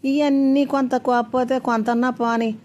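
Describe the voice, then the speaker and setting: A woman voicing a shrewd older village woman who talks in a loud, commanding, rustic way to settle a quarrel. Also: sits high, flat delivery, moderate pace, dull audio, voice pushed up, lightly acted. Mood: coaxing.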